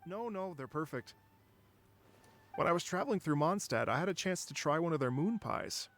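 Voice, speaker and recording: A man voicing a polite, dreamy wandering musician in a video game, who speaks in a gentle, courteous and wistful way. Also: fairly high pitch, lively intonation, moderate pace, faint music behind. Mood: storytelling.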